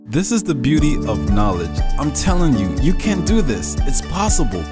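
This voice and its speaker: A man hosting an online business course, giving an earnest, upbeat motivational pitch as a scripted voice-over. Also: very animated, moderate pace, loud music behind the voice. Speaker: business consultant and course host.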